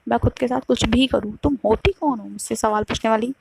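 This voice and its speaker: A woman's voice: a little high, a little fast, gravelly, noisy background. A woman voicing a young woman who is tired and bitterly cold in a storytime love drama. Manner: curt, pleading then cutting.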